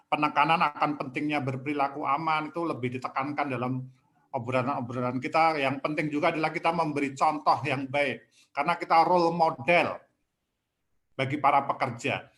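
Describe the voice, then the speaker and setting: A man leads a workplace safety seminar at a medium pitch. He talks in a relaxed, conversational way, checking in with his listeners through short tag questions and light humor. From Indonesia. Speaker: safety communication trainer. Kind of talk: seminar lecture.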